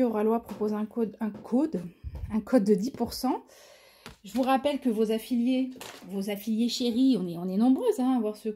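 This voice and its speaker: A woman's voice: a little high, mellow, breathy edge. A woman vlogger chatting casually through an unboxing, gushing with enthusiasm over what she shows. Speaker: crafting vlogger.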